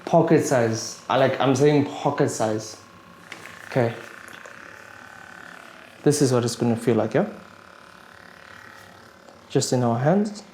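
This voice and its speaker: A man's voice: mid-range voice, unhurried, pauses often, mellow. Chatty chiropractor man, echoey room. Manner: chatty, often checks in with "right?" and "yeah?". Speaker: chiropractor and host. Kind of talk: casual chat during treatment. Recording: echoey room with faint noise.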